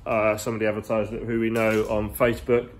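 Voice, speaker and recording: A man's voice: lowish voice, monotone, fast, a little hiss or hum. A man in his twenties chatting casually on a vlog while walking through a big garage workshop. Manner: chatty, rambling, slangy. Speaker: car vlogger. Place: large indoor garage workshop. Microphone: phone held at arm's length.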